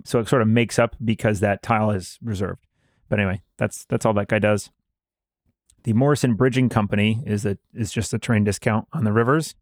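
A man hosting a casual board game discussion, explaining details at an easy pace and pausing with fillers as he recalls them. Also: lowish voice, fairly even intonation, no room sound, clean studio sound.

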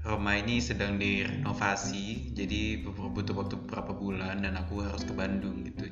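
A man chatting casually and informally as a solo podcast host, with a speech impediment that turns his r sounds soft, like w. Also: fairly low pitch. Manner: informal and chatty, breaks into chuckles. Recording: dull, roomy recording with music behind. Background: plucked guitar music.

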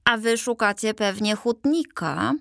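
A slow, kindly old gentleman statue from a storybook, as a woman reads him, calm and wise. He drawls his old-fashioned words gently in a close, dry sound. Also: a little high, gravelly, no echo.

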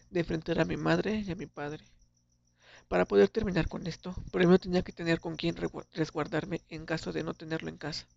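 A man's voice: a little high, gravelly, darkish tone. A young man, narrating a first-person story in a somber, earnest, confessional tone. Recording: dull lo-fi recording.

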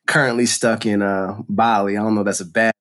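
A man co-hosting a podcast in a relaxed, laid-back way, still groggy with his morning voice, talking through a computer microphone. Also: on the low side, fairly quick. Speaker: podcast co-host. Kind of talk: casual chat.

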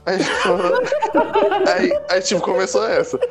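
A young man with a Brazilian Portuguese accent telling a work story on a podcast, animated and acting out the people he quotes. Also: a little slow, heavy background noise. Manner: animated, acts out quoted customers and staff with rising pitch. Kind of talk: casual storytelling chat.

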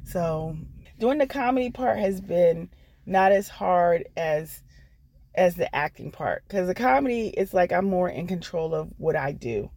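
A comedian and actress from the Washington D.C. area, appearing as a guest storyteller, tells her own story unscripted with an American accent, earnest and encouraging. Her voice is lowish, gravelly and darkish yet animated, at a measured pace, with no echo.

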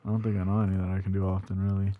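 Low-voiced young man, laid-back banter. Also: level tone, racing, phone-quality sound. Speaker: podcast co-host. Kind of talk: casual chat.

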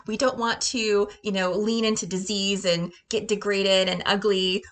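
A woman's voice: medium pitch, a bit bright. Bubbly woman in her forties hosting. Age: 40s. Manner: bubbly and upbeat, laughs often. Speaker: host and health coach. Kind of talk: casual promotional monologue.

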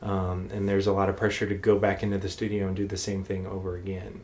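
A man's voice: low voice, monotone, quick pace, a little mellow, a little hiss or hum. A man co-hosting a podcast in casual chat, rambling with lots of fillers and restarts. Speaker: podcast co-host.

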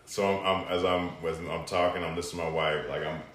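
A man's voice: low-pitched, flat delivery, fast, a bit bright, roomy sound. A man co-hosting a casual chat, rambling and filling his talk with "you know" and "like.". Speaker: podcast co-host.

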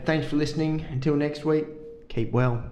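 A man's voice: a little high, steady tone, moderate pace, darkish tone. A man co-hosting a casual sports chat, blunt and free with swearing, recorded in a bare echoey room. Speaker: podcast co-host.

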